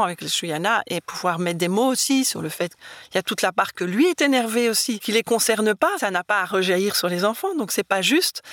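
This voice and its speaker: A woman's voice: mid-range voice, fairly bright tone, no room sound, clean studio sound. A middle-aged woman answering interview questions in a storytelling way, with many small fillers. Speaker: guest, nonviolence trainer.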